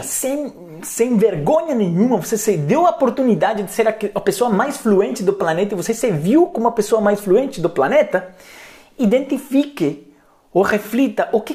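A man's voice: high-pitched, a little mellow. Guy in his 30s, english coach on a live stream, playful and chatty, keeps tossing in little tag questions. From Colombia. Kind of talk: live-streamed language lesson.

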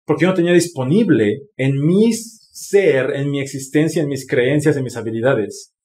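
A man's voice: mid-range voice, moderate pace, dark tone. A man with a Mexican Spanish accent telling a personal story candidly, with swearing and lots of expression. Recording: roomy echo.

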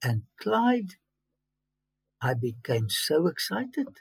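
An interview guest from South Africa whose first language is Afrikaans tells his own story in English, his fairly high, raspy and gravelly voice breaking into sudden emphatic bursts. He speaks slowly and in a sing-song way, halting and restarting as he goes. The recording is dry and close, with no room sound around it.

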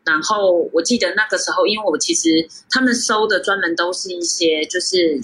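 A woman in her thirties from Taiwan, chatting as a guest over a video call, with a lowish, bright, slightly husky voice. She talks loosely and laughs often, with many fillers. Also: expressive, normal speed, poor audio. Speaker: guest sommelier. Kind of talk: casual interview over a remote call.

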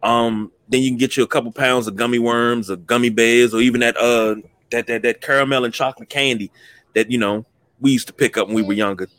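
A man's voice: medium pitch, fairly even intonation, brisk, a bit bright, dry recording. Dry-sounding male host chatting casually. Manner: folksy, jokey storytelling. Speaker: podcast host. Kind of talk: casual chat.

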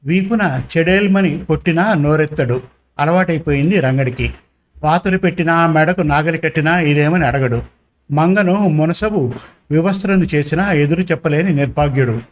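A man narrating a story in steady, measured storybook reading. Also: on the high side.

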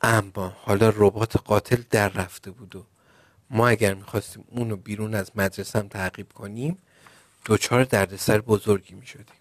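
A man reading a children's storybook aloud in the first person, with a Persian accent and a lively, playful delivery. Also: lowish voice, dry recording, studio quality. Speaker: narrator.

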